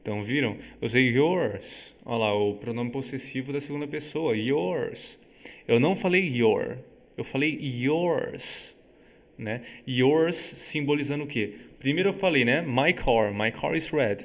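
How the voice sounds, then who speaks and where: A man from Brazil teaches English grammar online at a mid pitch. He explains patiently, often checks that students follow, and reads English examples slowly and carefully. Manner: patient, repeats key words, checks understanding often.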